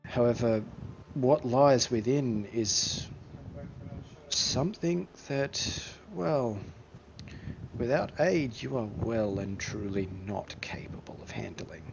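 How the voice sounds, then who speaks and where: A man voicing a solemn, commanding otherworldly spirit, speaking slowly and formally in a portentous manner. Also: medium pitch, expressive, vocal fry, background noise. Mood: ominous. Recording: dull recording under loud music.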